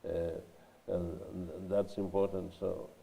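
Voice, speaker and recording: An older man with a nasal voice from a cold, answering interview questions in a measured way with many pauses and fillers. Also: low voice, little pitch movement, gravelly, warm tone. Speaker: interviewed scholar and writer. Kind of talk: recorded library interview. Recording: dull sound with long reverb in a hall.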